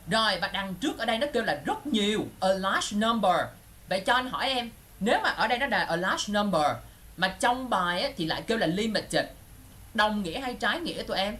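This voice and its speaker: A man's voice: high voice, pushed and bright, a little hiss or hum. A man teaching an English exam class, constantly checking that his students are following. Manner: keeps checking students follow with quick questions. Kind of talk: lively online class teaching.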